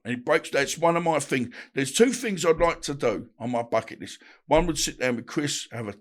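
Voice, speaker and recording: A middle-aged man, a guest telling stories from his boxing days in a halting, rambling way, full of restarts. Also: fairly high pitch, lively intonation. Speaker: guest, ex-boxer. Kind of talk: casual interview chat.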